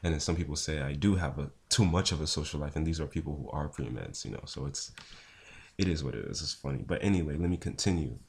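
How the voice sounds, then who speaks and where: A young man talking casually to camera in a low, unhurried, low-energy voice with a husky, just-woken sound. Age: young adult. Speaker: vlogger, pre-med student. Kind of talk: casual talk to camera answering viewer questions.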